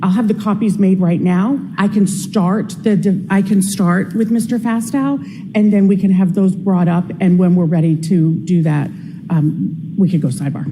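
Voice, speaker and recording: Very dark-voiced woman lawyer in reverberant courtroom. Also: mid-range voice, fairly even intonation, moderate pace. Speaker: prosecutor. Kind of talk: courtroom address to a judge. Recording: long courtroom reverb, faint noise.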